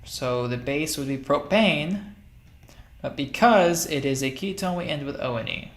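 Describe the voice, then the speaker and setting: A man giving a casual recorded chemistry lecture over slides, relaxed and thinking aloud with fillers and small self-corrections. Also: on the high side, measured pace. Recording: roomy echo.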